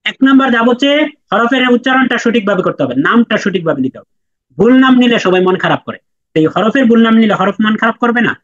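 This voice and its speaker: A man's voice: sits high, a bit bright. A man teaching Quran letter pronunciation in a lesson, patiently repeating each sound for students to echo. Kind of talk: online class lesson. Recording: dry, dull lo-fi sound.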